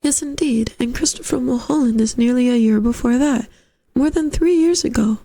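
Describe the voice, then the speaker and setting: A woman's voice: fairly high pitch, normal speed, dark tone. A woman voicing an earnest young male lodger in a story, musing in a hesitant, courteous way. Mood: earnest, puzzled. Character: polite, puzzled, earnest young man, a lodger. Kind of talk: storybook character voice.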